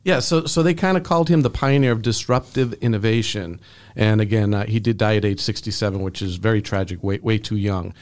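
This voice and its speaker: A man's voice: on the low side, a little fast. A man co-hosting a casual tech news chat, joking and playfully interrupting. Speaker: podcast co-host.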